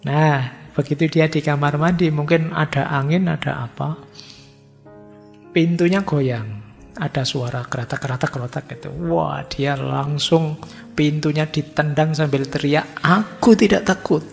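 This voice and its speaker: A man's voice: on the high side, fairly even intonation, a little slow, gravelly, soft background music. A middle-aged man giving a conversational philosophy lecture in a mosque hall, acting out the voices of students he quotes.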